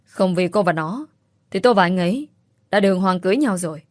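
A woman reads out a scornful young woman shrieking at her rival in an audio storybook, spiteful and shrill. The voice sits rather low and sounds dry and close, with no room around it. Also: lively intonation, a little fast, a little mellow, dry recording, natural voice. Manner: shrieking accusations.

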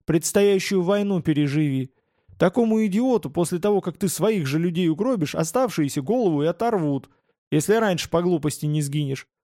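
A man voicing a sharp-tongued young male bodyguard who mocks and threatens in a higher voice than his narration. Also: lively intonation, a little fast, no room sound, studio quality, natural voice. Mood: mocking. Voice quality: mocking, cutting.

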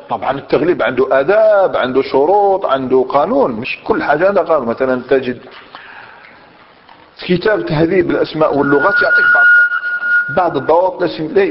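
Male teacher, slightly high voice, questioning style; lo-fi recording with a long reverb. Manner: quizzes students with questions, mixes dialect into classical explanation. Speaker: Islamic scholar teaching Arabic grammar. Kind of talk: classroom grammar lesson. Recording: dull lo-fi sound, long hall reverb.

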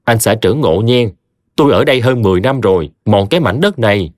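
A man voicing a shrill scheming stepmother. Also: animated, quick pace, a little mellow, no echo, studio quality, natural voice. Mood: defiant. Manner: shrill, wheedling and defiant. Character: scheming shrill middle-aged stepmother, woman.

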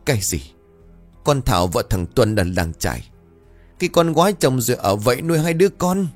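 A man voicing a furious, scheming old village landlord who shouts and rages at his son. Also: sits low, very animated, fairly quick, soft background music. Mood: enraged. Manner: shouting and raging.

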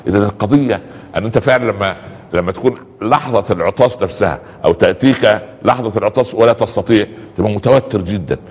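A very low-voiced man with an Egyptian Arabic accent preaches in a chatty, colloquial way, peppering his talk with pious exclamations. He speaks quickly, and his voice carries a long reverb from the space. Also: darkish tone, breathy edge. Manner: conversational, repeats pious exclamations, acts out little dialogues.

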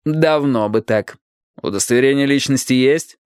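A man reading an audiobook voices a gruff, impatient private detective who snaps threats and orders. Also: medium pitch, normal speed, darkish tone, dry recording, studio quality, lightly acted. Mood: stern. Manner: snapping, threatening, barking orders. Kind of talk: audiobook character voice.

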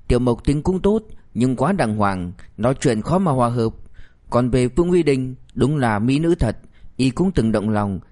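Man narrating a novel, steady and even. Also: medium pitch. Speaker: audiobook narrator.

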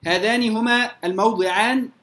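A woman with an Egyptian Arabic accent teaching Quran recitation rules. She draws out her recited examples slowly and often checks whether her students follow. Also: fairly high pitch, a bit bright. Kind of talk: tajweed lesson. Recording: roomy echo.

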